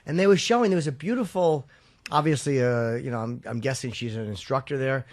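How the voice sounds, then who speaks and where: A man's voice: medium pitch, brisk. A man co-hosting a podcast, telling stories in chatty, profane casual banter. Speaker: podcast co-host.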